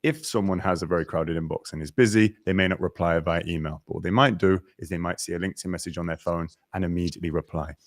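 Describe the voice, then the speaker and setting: A man hosting a live webinar, chatty and energetic, greeting viewers and walking through slides over a video call. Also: deep voice, fast, hardly any pauses, dry recording, clean studio sound. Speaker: webinar host.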